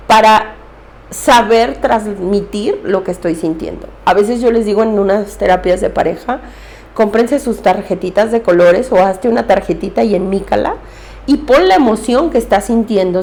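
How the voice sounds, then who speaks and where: A woman's voice: mid-range voice, gravelly, a little mellow. A woman therapist, giving earnest, direct advice on handling emotions.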